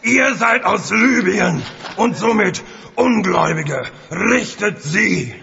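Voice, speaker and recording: A man's voice: sits high, animated, takes it slowly, gravelly, pushed and bright, a little hiss or hum, heavily acted. A man playing an imperious, suspicious Egyptian pharaoh in an audio drama, commanding and pompous. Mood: furious, commanding. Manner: commanding, pompous, speaks in royal we. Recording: echoey, muffled band-limited recording.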